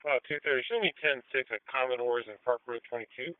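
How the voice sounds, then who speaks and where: A man reporting to dispatch in halting phrases over a two-way police radio. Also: mid-range voice, narrow, tinny audio, heavy background noise. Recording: police radio, loud voices behind.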